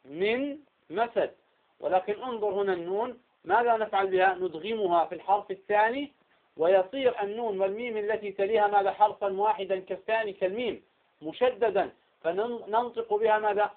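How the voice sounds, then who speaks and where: Male recitation teacher with a high voice, drilling students with his own questions and answers, over a thin phone-like line. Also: fast. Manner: keeps asking quiz questions and answering them himself. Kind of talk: tajweed lesson.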